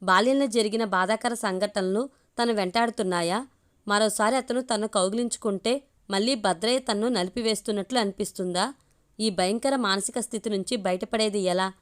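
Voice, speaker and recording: A woman storyteller reading a romantic family story aloud in a steady, expressive way. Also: mid-range voice. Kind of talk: storybook narration.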